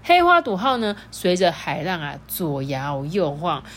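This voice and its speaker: A woman, a mother reading a children's story aloud in a playful, animated way and asking her child questions. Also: on the low side, measured pace, a little hiss or hum.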